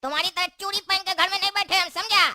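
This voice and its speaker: A woman's voice: very high-pitched, fairly even intonation, fast talker, bright, forceful tone, dry recording, studio quality, full character voice. A woman voicing a boastful, cocky young male troublemaker in a cartoon, bragging and teasing. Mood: brash.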